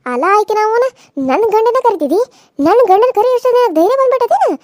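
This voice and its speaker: A woman's voice: high voice, expressive, brisk, no echo, studio quality. A woman voicing a vengeful, menacing village wife in a cartoon serial, taunting. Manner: taunting, threatening.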